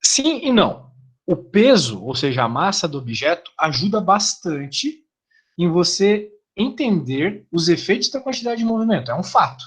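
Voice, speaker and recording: A man's voice: sits high, very animated, normal speed. A middle-aged Brazilian man teaching an online physics class, chatty, asking his students rhetorical questions.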